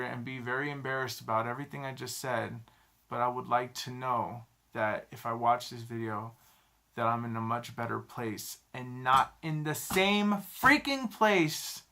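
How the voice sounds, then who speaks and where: A man in his thirties talking to a camera in a halting, self-critical confessional vlog, often repeating himself. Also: medium pitch, bright, forceful tone. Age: 30s. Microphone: camera mic, talking to a camera.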